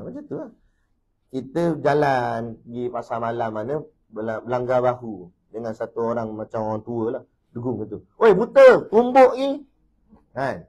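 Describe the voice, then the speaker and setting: A man with a Malaysian Malay accent giving a religious lecture, animated, breaking into loud emphatic bursts and often dropping in "ha". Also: mid-range voice, low-quality recording. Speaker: religious teacher.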